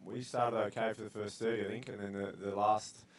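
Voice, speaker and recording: A man's voice: on the low side, level tone, fairly quick. A man, a rugby player guest, talking in a laid-back way with lots of fillers. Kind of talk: casual sports chat.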